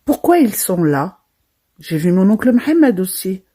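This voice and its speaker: A young woman narrating a first-person horror storytime, with a dramatic and lively delivery. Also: mid-range voice, unhurried. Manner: dramatic, lively retelling with quoted voices.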